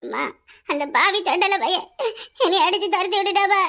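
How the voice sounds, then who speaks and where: A woman's voice: very high voice, brisk, pushed and bright, full character voice. A woman voicing a young married village daughter with a Kanyakumari Tamil accent, weepy and melodramatic, for a cartoon. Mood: wailing. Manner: wailing, melodramatic laments. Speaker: daughter in a family quarrel.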